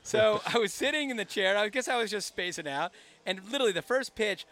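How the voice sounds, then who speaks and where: A man hosting a podcast, telling stories in an animated way and laughing often. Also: high-pitched, fairly quick. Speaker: podcast host. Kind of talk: casual chat.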